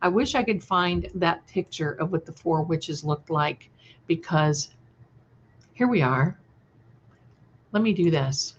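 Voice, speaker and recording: A woman with a lowish voice hosts a casual livestream, chatting with viewers affectionately and effusively, calling them by endearments. Her talk is somewhat halting and scattered, and the lo-fi stream audio sounds dull.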